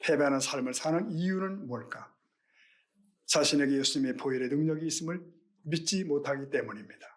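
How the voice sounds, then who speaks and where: A man's voice: fairly high pitch, fairly quick. A middle-aged male pastor giving a Sunday sermon, earnest and questioning, with rhetorical questions to the congregation.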